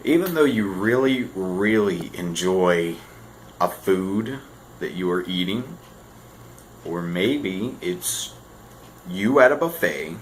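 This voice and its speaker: A teenage boy making a comedic vlog, animated and self-mocking, swinging between loud bursts and mumbled asides. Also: low voice, takes it slowly, pauses often, slight background noise, poor audio. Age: teens. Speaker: vlogger. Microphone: camera on a shaky stand.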